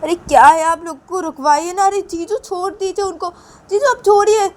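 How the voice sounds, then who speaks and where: A woman voicing a flustered young man who pleads loudly and insistently with his relatives. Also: very high voice, moderate pace, pitched above the performer's own voice. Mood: pleading.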